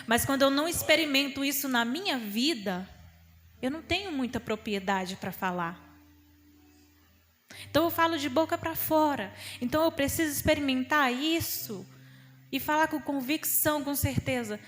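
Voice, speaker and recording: A woman's voice: high-pitched, expressive, moderate pace, a bit bright, soft background music. A young woman preaching a fervent, emphatic sermon. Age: young adult. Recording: long reverb in a hall.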